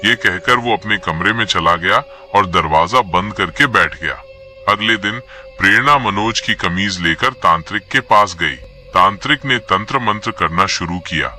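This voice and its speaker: A man's voice: on the low side, normal speed, bright, forceful tone. A man narrating a scripted horror story in a dramatic, suspenseful manner. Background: faint music.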